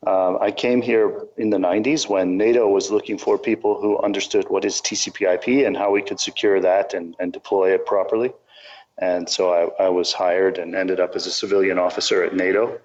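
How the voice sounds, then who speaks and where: A man from California talks over a call, pausing often with ums and restarting his sentences. His voice sits low, and the call sound is dull and roomy. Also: fairly even intonation, darkish tone. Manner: hesitant with many ums and restarts. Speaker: guest. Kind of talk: remote interview over a call. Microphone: call microphone. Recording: echoey, dull call audio.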